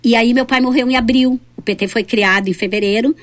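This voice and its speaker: A middle-aged woman from southern Brazil with a Rio Grande do Sul accent, a city councillor reminiscing in a relaxed interview and tagging her sentences with questions. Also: fairly high pitch, a little fast. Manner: reflective, tags sentences with "né?". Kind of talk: casual reminiscing conversation.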